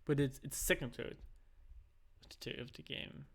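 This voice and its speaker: A male esports co-caster talks through a live match in a loose, rambling way, restarting sentences and correcting himself. When a fight breaks out, he bursts into excited shouts and casual swearing. His voice sits at an ordinary middle pitch for a man. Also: moderate pace, vocal fry. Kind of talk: casual live game commentary.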